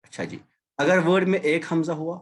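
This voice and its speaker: This online class lecture features a man teaching Arabic by video call, with a voice on the high side, a level tone, and a moderate pace. He explains things patiently, repeats important words, and slips English into his speech.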